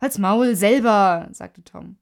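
A woman's voice: mid-range voice, slow, gravelly. A woman voicing a whiny teenage boy who groans and swears.

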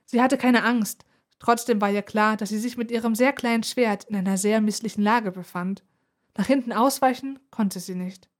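A woman narrating a children's adventure story aloud in an even, expressive way. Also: a little high, moderate pace. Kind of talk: storybook reading.

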